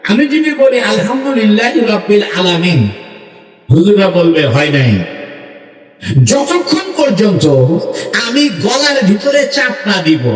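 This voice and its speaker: A man, an Islamic scholar, preaching emphatically at a conference, building up lists and rising to loud declarations. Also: high voice, sing-song, measured pace. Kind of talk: Bengali religious speech to a crowd. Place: large hall or outdoor stage with PA. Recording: echoey hall, voice from a distance.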